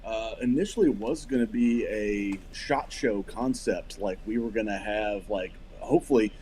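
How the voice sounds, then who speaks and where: A man in his forties from Missouri, a podcast guest talking in halting casual chat with many restarts. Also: lowish voice, warm tone, slight background noise. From Missouri, USA. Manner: hesitant, many fillers and restarts. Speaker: podcast guest, firearms company rep.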